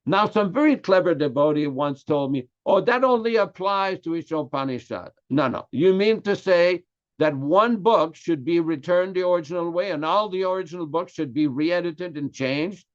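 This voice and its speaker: In slightly dull lo-fi audio, an earnest older man with a Québécois French accent lectures on scripture as a religious class speaker. He comes from Quebec, Canada, and his animated voice sits on the high side. He is emphatic, slowing down to stress key words.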